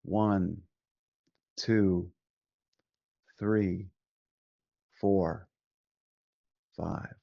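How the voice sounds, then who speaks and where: In a guided meditation, a male teacher speaks softly and calmly, giving short instructions with long gaps between them. His voice is low-pitched, steady and creaky. The audio is dull, with no echo.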